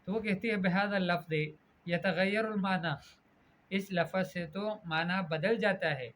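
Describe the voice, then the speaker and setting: A man teaching a lesson on Arabic pronunciation, reading phrases slowly and then translating and correcting them. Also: high voice, steady tone, fairly bright tone. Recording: dull lo-fi audio with faint background noise.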